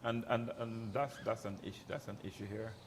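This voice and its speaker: A man's voice: on the low side, fairly even intonation, brisk. A man with a Crucian Virgin Islands accent, a pastor speaking candidly in an informal, down-to-earth way. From St. Croix, Virgin Islands. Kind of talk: candid personal talk. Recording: reverberant hall with background noise.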